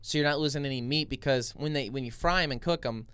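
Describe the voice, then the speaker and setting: A young man co-hosting a podcast, telling stories in a relaxed, animated way. He speaks into a boom mic in a small foam-lined studio. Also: fast talker, smooth, no room sound. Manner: animated, gestures with his hands while telling stories. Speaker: podcast co-host. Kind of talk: casual storytelling chat. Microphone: boom mic with headphones.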